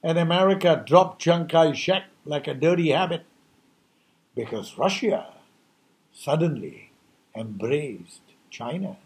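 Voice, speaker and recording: A man's voice: a little high, expressive, slow pace, pauses often. A man delivering an impassioned New Year message as a rhetorical monologue, emphatic and preachy, full of rhetorical questions.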